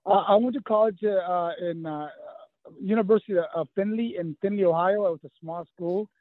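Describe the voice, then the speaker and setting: A man in his fifties from South Texas, whose first language is Spanish, talks as a guest in a casual interview, being a running coach. His voice sits high and runs a little fast, with many fillers and restarts. The line sounds tinny, like a phone.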